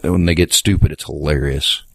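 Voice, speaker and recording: A man's voice: extremely low pitch, steady tone, normal speed, gravelly, no room sound. A man co-hosting a podcast in casual chat, easygoing, mostly giving short agreeing replies and swearing casually. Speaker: podcast co-host.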